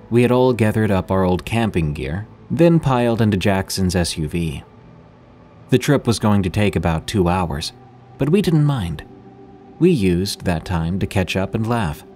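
A man's voice: low voice, a little mellow, a little hiss or hum. A man hosting and narrating scripted horror stories with a dramatic storyteller's delivery. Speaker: horror podcast host and narrator.

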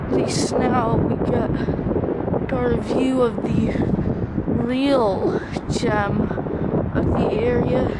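A medium-pitched vlogger, whose voice barely rises or falls, haltingly narrates a casual tour of ruins in woodland by a river and a bridge. Captured through the handheld camera's mic by an operator behind it, the recording is noisy, with outdoor ambience and traffic passing.

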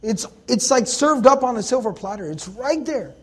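Man, very high pitch, Quran commentary lecture, emphatic, rhetorical questions, conversational. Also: very animated, normal speed, a bit bright, husky. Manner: conversational, addresses listeners as folks. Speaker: Islamic scholar teaching Quran commentary.

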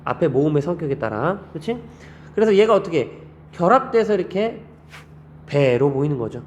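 A male teacher giving a classroom lecture, keeping the students engaged with constant rhetorical questions and an animated delivery. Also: normal speed, dull audio, a little hiss or hum. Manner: lively, animated delivery with frequent pitch jumps. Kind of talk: classroom lecture on Korean grammar.

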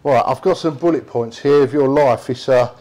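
A man's voice: mid-range voice, moderate pace, darkish tone. A man in his forties hosting a casual interview, asking easygoing questions and giving short prompts. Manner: easygoing, brief prompts and nods. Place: indoor studio with mural wall. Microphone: lapel.

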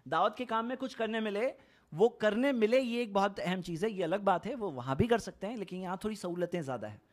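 A man's voice: high voice, expressive, fast talker. A man from India giving an earnest, explanatory religious talk in a conversational way, repeating points for emphasis. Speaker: Islamic speaker. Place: Saudi Arabia.

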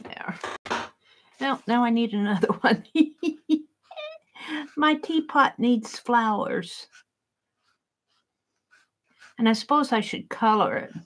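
This woman's loud voice is a little high, with lively intonation, a slow pace and long pauses. She chats to herself indoors at her home craft table, pondering aloud what to draw next in her art journal.

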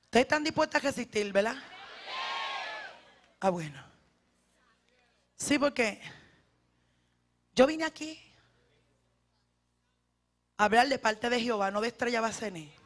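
A woman evangelist preaching a fervent sermon, often shouting, speaking straight to her congregation. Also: fairly high pitch, lively intonation, measured pace, long pauses. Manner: direct address to the congregation.

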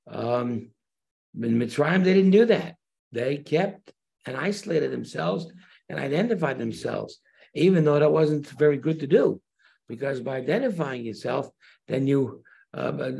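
Speaking on a video call from a room beside large windows, an older rabbi gives converts a slow-paced Torah lesson online, full of pauses, fillers and restarts. His voice is husky and darkish in tone, medium-pitched with vocal fry.

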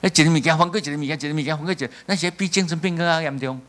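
A man's voice: on the high side, racing, fairly bright tone. A man in his sixties, a pastor with a Taiwanese accent, preaching a sermon in a church and telling stories with acted dialogue. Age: 60s. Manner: storytelling, mixing in Taiwanese phrases and acted dialogue.

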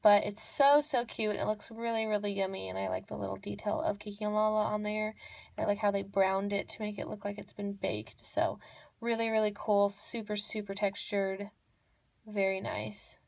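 A woman's voice: mid-range voice, normal speed, gravelly, darkish tone. A young woman with an everyday mid-range voice talks through tiny toy pieces in a casual show-and-tell. She gushes and repeats words for emphasis, and the sound is dry and close with no room echo. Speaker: toy unboxing vlogger. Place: indoors at a table. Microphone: off-camera voice over hands-on tabletop close-up.

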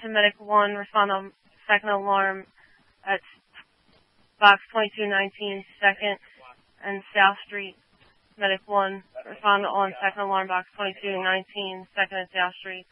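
A man's voice: sits high, completely flat delivery, moderate pace, smooth, dry recording. A man working as a fire dispatcher on two-way radio, answering units in a clipped, procedural way. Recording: dull lo-fi fire radio audio.

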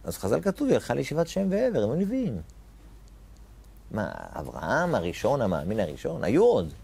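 A male rabbi delivers a Torah lesson in a gravelly voice, swinging widely up and down in pitch. He keeps throwing rhetorical questions to his listeners and circling back over key phrases. Important words leap up with emphasis. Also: wildly swooping pitch, warm tone.

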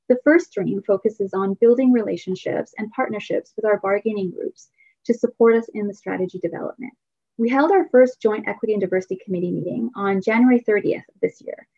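A woman giving a keynote speech, reading a prepared presentation in a measured, formal way. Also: fairly high pitch, warm tone, no room sound, muffled recording. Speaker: keynote speaker.

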